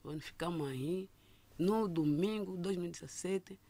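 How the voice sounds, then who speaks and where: Gravelly woman, halting speech. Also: lowish voice, dark tone. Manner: halting, with frequent restarts and repeated words. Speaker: listener telling her story. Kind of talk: personal testimony.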